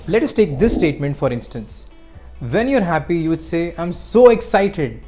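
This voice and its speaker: A teacher giving scripted narration on speaking skills, explaining clearly and acting out short examples. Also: medium pitch, very animated, normal speed, over music.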